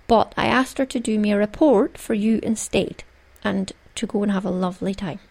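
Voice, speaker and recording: Creaky-voiced Scottish woman chatting. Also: medium pitch, normal speed, darkish tone. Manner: playful, jokey, conversational. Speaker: podcast host. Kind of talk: chatty solo craft podcast.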